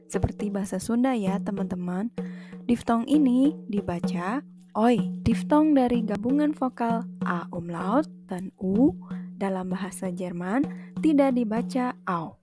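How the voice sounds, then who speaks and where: A woman teaching a language lesson, carefully enunciating and repeating example words as she addresses viewers as friends. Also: mid-range voice. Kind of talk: instructional lesson. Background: background music.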